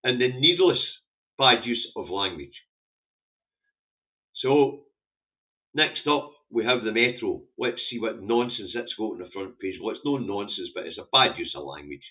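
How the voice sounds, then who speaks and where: A man's voice: lowish voice, lively intonation, unhurried. A man with a broad Scottish accent giving casual, opinionated commentary in a blunt, sweary, rambling way. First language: Scots. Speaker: vlogger reviewing the day's newspaper front pages. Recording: muffled phone-like narrow-band audio.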